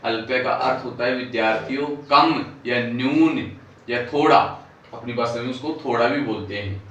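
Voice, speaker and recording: A man teaching a class, sounding out syllables slowly one by one and explaining the words they build. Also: medium pitch, a bit bright, highs cut off. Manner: slow, drawn-out syllable-by-syllable pronunciation. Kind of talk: classroom lesson. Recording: echoey room, voice far from mic.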